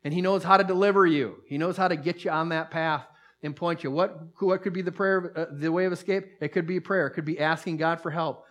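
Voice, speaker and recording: A man preaching a sermon, emphatic and swinging between loud declarations and hushed, quiet lines. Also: a little high, steady tone, a little fast.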